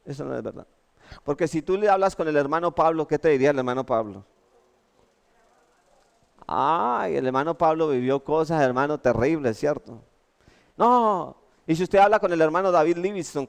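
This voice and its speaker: A Colombian man preaching a lively sermon with humorous stories, often checking in with the congregation. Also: on the high side, normal speed, gravelly, smooth. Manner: animated, keeps asking the congregation "¿cierto?". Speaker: pastor. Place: church.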